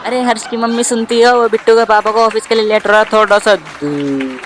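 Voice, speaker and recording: A man's voice: sits high, a little fast, a bit bright, slight background noise. A man voicing a nosy, chatty middle-aged neighbor auntie who keeps asking prying questions in a stand-up bit. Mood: gossipy.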